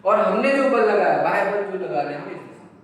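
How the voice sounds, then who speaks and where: A man's voice: high voice, very animated, fast talker. A man teaching a physics lesson, asking questions and answering them himself and repeating key terms, with English words mixed in. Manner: mixes in English words and numbers. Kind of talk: classroom physics lecture. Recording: very echoey room, voice from far off, faint noise.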